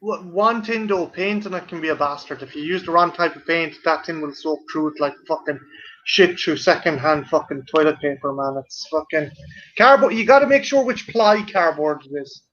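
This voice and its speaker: A man with a high voice trades crude, profane jokes in casual stream banter. The sound is dull and lo-fi. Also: moderate pace, a bit bright. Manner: crude, joking, swears a lot. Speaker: co-host of a watch-along stream. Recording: muffled lo-fi stream audio.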